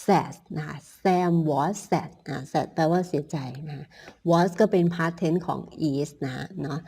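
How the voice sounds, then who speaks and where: A Thai woman teaching English phonics to adults. She drills each word slowly, says the sounds again and again, and ends phrases with polite particles. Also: low voice, dark tone, husky. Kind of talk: slow phonics lesson for adults.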